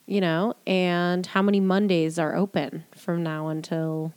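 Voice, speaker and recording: A woman co-hosting a podcast, chatting casually in a measured, matter-of-fact way. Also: on the low side, flat delivery, a little mellow, no echo. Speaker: podcast co-host. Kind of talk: casual chat.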